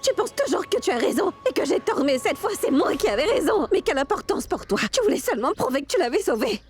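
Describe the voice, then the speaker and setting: An actress dubbing a determined young mother who searches for her daughter and reproaches her husband, with music softly underneath. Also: extremely high pitch, sing-song, quick pace. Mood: reproachful. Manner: urgent, reproachful. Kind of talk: French dub of a TV drama. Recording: soft music under dialogue.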